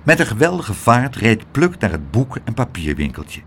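A man reading a children's story aloud in a lively, expressive way. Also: mid-range voice, normal speed, slight background noise. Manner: animated, expressive.

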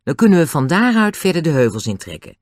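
A reader voicing a bold, eager tomboyish girl in a storybook, lifting the voice high for her. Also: big pitch swings, fast, no room sound, studio quality, lightly acted.

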